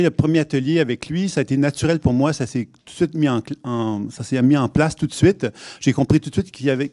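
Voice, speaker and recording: A man's voice: medium pitch, darkish tone, no room sound, clean studio sound. A man with a Québécois accent giving a talk at a conference, often hesitating and restarting his sentences. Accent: Québécois French. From Quebec. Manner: hesitant, many restarts and fillers. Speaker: conference speaker. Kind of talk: public lecture. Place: conference hall.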